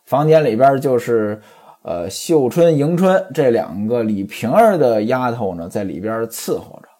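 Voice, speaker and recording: Lively male storyteller, chatty. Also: medium pitch, unhurried, breathy edge. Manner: chatty, addresses listeners directly. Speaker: storyteller and commentator. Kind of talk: storytelling commentary on a classic novel.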